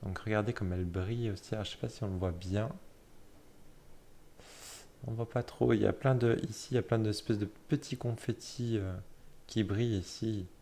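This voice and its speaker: A man casually flipping through a tarot deck, talking in a hesitant way with many fillers and self-corrections, often pausing to admire a card. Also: lowish voice, fairly even intonation, slight background noise. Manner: admiring, soft-spoken commentary.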